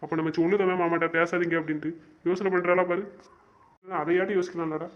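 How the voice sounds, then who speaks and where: A young man acting as a stubborn, wounded young lover, who rattles off insistent, exasperated complaints at a brisk pace. His voice sits a bit high for a man. The amateur web-drama recording sounds dull and lo-fi. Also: little pitch movement, natural voice. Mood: frustrated. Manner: insistent, exasperated, repeats himself.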